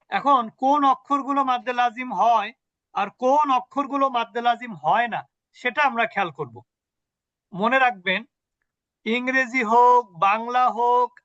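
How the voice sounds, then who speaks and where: High-voiced man teaching slowly over a call. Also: sharp tone, dry recording. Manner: asks questions and answers them himself, slow and deliberate. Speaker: Quran recitation teacher. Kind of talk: online tajweed lesson. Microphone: video call. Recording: dull, dry video call audio.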